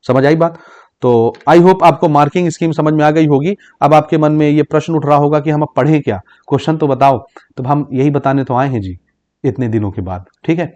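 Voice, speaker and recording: A man from Chhattisgarh, India, with a higher, darkish voice teaches an exam-prep physics lesson over a muffled recording. He explains in Hindi sprinkled with English terms, repeatedly checking "ठीक" ("okay?") with students and slowly reading English exam questions aloud.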